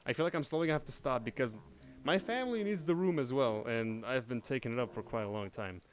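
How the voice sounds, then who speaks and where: A man's voice: mid-range voice, fast talker. A young man from Indonesia, thinking aloud and narrating his steps at home while working on a project live. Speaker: livestreaming 3D artist. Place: home room shared with family.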